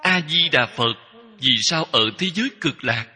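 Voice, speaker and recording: A man giving a Buddhist dharma talk as a teacher, speaking in slow, measured short phrases that repeat. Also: a little high, animated, sharp tone, breathy edge. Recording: long hall reverb.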